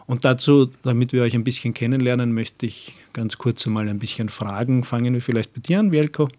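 A man's voice: medium pitch, a little fast, mellow. A man hosting a community radio show for young people, asking friendly, encouraging questions. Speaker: radio host. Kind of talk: radio interview.

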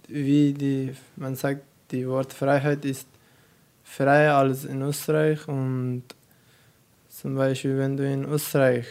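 A teenage boy from Afghanistan, a non-native speaker of German, talking haltingly as a radio guest. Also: mid-range voice, gravelly, darkish tone, smooth. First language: not German. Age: teens. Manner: halting, searching for words. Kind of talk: youth radio discussion.

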